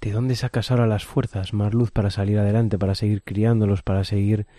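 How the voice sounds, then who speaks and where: A male journalist with a low, mellow voice asks measured questions, often rephrasing as he goes. The sound is dry and close, with no room around him. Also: level tone, no room sound. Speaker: journalist interviewer. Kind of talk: interview questions and reporting.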